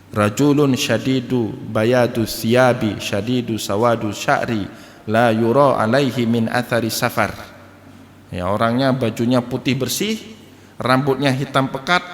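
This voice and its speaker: A man giving a lively mosque study lecture, joking and chuckling as he teaches and spells out letters. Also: medium pitch. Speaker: Islamic lecturer. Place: mosque hall. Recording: echoey mosque hall.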